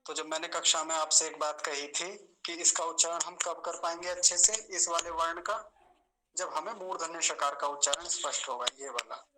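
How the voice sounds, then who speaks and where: A man teaching an online class on pronunciation, patiently explaining and slowly repeating sounds to demonstrate them, speaking over a video call. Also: a little high, steady tone, sharp tone, slight background noise, low-quality recording. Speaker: Sanskrit teacher.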